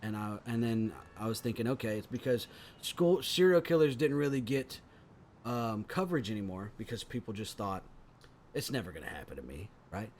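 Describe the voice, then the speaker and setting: A man's voice: mid-range voice, normal speed, a little mellow, a little hiss or hum. A man hosting a casual comedy podcast, talking in rambling, profane tangents. He is also an impressionist.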